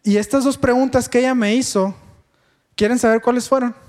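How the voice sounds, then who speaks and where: High-voiced preacher. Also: male voice, fairly quick, in a large hall. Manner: animated storytelling, asks the congregation questions. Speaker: preacher giving his testimony. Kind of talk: testimony sermon to a congregation.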